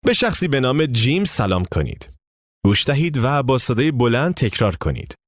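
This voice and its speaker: A man's voice: medium pitch, big pitch swings, no room sound, clean studio sound. A man giving scripted lesson narration, explaining step by step and prompting listeners to repeat after him. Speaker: English teacher narrating the course.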